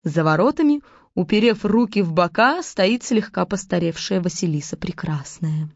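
A woman narrating a fairy tale in a lively storytelling manner. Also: on the low side, normal speed, no echo. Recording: dull lo-fi recording.

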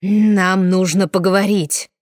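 A woman's voice: medium pitch, a little slow, no echo, natural voice. A woman voicing a distraught young man who pleads and sobs, in a dry close recording. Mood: shouting. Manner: pleading, tearful, insistent.

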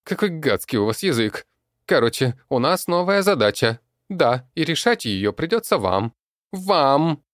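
A man voicing a cruel male goblin master with a high, screechy voice and mocking, broken speech, in an audiobook. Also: very animated, unhurried, dry recording, clean studio sound. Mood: angry. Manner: mocking, broken grammar, yelling.

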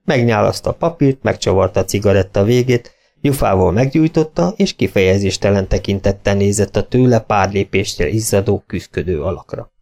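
A man reading an audiobook in a steady, measured narrating voice. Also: on the low side. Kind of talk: scripted narration.

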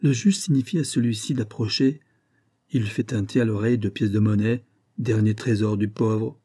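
A man reading a saint's legend aloud as an audiobook, in a measured, deliberate way. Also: lowish voice, warm tone, breathy edge. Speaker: audiobook reader. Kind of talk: storybook narration of a saint's legend.

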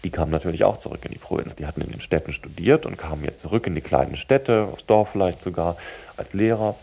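A man's voice: low-pitched, animated, fast talker, gravelly, dark tone, breathy edge. A man giving a thoughtful, reflective radio interview, searching for words as he talks.

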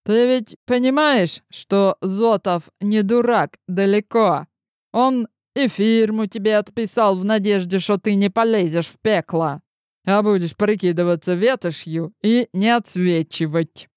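A woman voicing a sharp-tongued, bossy old grandmother in an audiobook, speaking slowly and mockingly. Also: mid-range voice, no room sound, studio quality, close to an everyday voice. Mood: scolding. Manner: gruff, mocking, slow and deliberate. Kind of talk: audiobook character voice.

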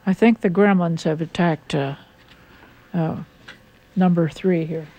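A woman hosting a casual radio chat, talking in an unhurried, chatty way with frequent fillers. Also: on the low side, fairly even intonation, mellow, no room sound, highs cut off. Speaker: radio host. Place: radio studio.

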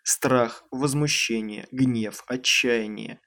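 A man narrating an audiobook in a steady, measured storytelling manner. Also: medium pitch, vocal fry. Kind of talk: scripted narration.

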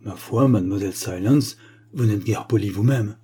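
A man's voice: fairly low pitch, normal speed, warm tone, breathy edge. A man playing a sly, greedy old village man with a wheedling manner.

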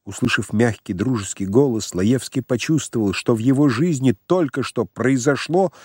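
A man reading a classic novella aloud in a steady storytelling manner. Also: mid-range voice, moderate pace, husky, dry recording, studio quality. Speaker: audiobook reader. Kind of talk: literary audiobook narration.

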